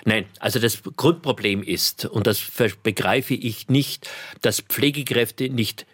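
A man's voice: medium pitch, measured pace, breathy edge, no room sound. A man as an interview guest on the radio, speaking emphatically and indignantly with many hesitations and restarts. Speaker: interview guest, care critic.

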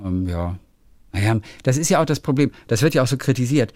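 A man's voice: mid-range voice, expressive, brisk, darkish tone, no room sound. A man, a radio host, chatting casually on the phone and telling rambling little stories.

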